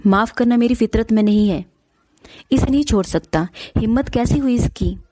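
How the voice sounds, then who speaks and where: Woman putting on a creepy tree spirit, taunting and threatening, soft mellow voice. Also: a little high, moderate pace, close to an everyday voice. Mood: menacing. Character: menacing male tree spirit possessing an aunt.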